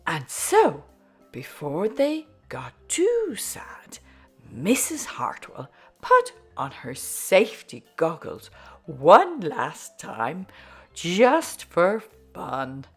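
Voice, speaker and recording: A woman hosting a storytime, reading a children's book aloud in an expressive, deliberate storytelling style. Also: on the low side, breathy edge, soft background music. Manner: slow, deliberate, animated phrasing.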